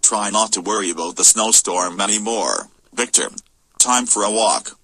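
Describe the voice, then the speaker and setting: Man, husky, bright tone, impatient, grumpy, homemade cartoon voice. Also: fairly low pitch, moderate pace.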